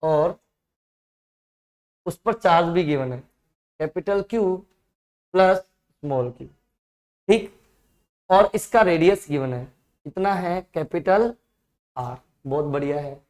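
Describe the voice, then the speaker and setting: A man's voice: a little high, expressive, takes it slowly, pauses often. A male physics teacher with an Indian accent, explaining exam problems step by step in an online lesson and checking often whether his students follow.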